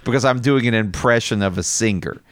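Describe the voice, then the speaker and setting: A man's voice: medium pitch, fairly quick, dry recording. A man co-hosting a casual chat, rambling and self-deprecating with frequent restarts. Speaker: podcast co-host.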